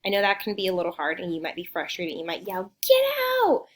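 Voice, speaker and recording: A woman school counselor, gentle and encouraging, teaching a lesson to young students. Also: fairly low pitch, fairly even intonation, fast talker, a little hiss or hum. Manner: gentle, encouraging, acts out children's quotes.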